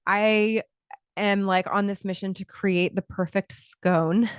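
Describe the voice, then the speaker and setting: Woman, 30s, podcast host, casual explaining, smooth clear voice, close studio mic, dry sound. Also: medium pitch, steady tone, slow, no room sound. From Scotland, early childhood. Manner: conversational, explanatory, frequent restarts and fillers. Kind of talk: casual solo podcast talk. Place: small home studio, indoors. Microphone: large studio mic close to the mouth.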